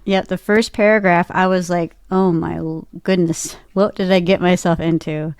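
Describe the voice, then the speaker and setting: In studio-quality audio without any room sound, this guest's voice comes across fairly low and smooth, moving at a moderate pace with fairly even intonation. She's a voice actor and podcaster, chatting casually in an interview. She shares stories from her life and often voices what she was thinking.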